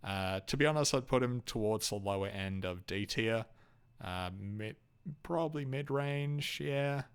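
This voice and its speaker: A young Australian man giving a casual, unscripted talk on game characters, halting often with ums, uhs and restarts. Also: mid-range voice, clear, resonant tone. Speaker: YouTube host ranking game companions.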